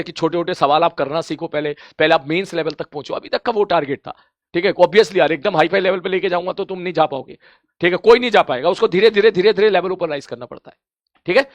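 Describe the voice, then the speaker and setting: A male physics coach with a high voice, speaking close to the mic in a dry, small room. He lectures his students live, keeps checking they follow, and scolds them playfully. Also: dry recording. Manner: talks straight to students, keeps asking "ठीक है?", playful scolding. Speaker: physics teacher.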